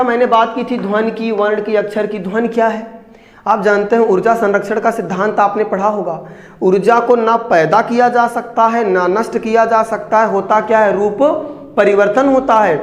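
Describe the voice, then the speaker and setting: A man teaching a Hindi grammar lesson, putting questions to his students and then answering them himself. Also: extremely high pitch. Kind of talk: classroom lecture. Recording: echoey room with long reverb.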